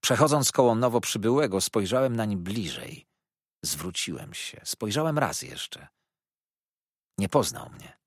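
A man narrating a classic novel in the first person, with an expressive, dreamy storytelling manner and a husky voice. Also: on the low side, a little slow, dry recording, clean studio sound. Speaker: audiobook narrator.

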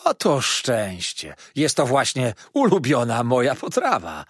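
Man doing a cheeky, loud young inn waiter, husky, bouncy delivery, audiobook. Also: mid-range voice, very animated, unhurried, no echo, clean studio sound, exaggerated voice. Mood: jovial, greedy. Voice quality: jovial, teasing and loud. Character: chatty, boastful young male inn waiter. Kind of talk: audiobook character voice.

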